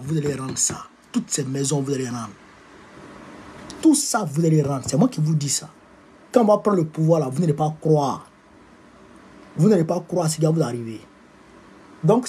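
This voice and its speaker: A man with an Ivorian French accent delivers a political rant, hurling insults and repeating his taunts. His voice is very husky and raspy, with a mellow tone sitting a little high for a man. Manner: combative, insulting, repetitive. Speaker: political activist.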